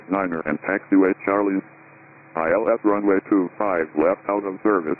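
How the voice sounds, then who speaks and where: A man reading a recorded airport weather broadcast, giving weather figures and notices in a steady, clipped radio readout. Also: deep voice. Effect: airport weather broadcast over radio. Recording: tinny radio band with faint hiss.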